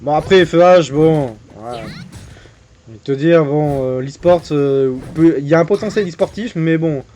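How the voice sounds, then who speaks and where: Young man, game streamer, slightly high voice, joking, crude, chatting with viewers. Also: moderate pace, dark tone, a little hiss or hum. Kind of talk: casual live game commentary.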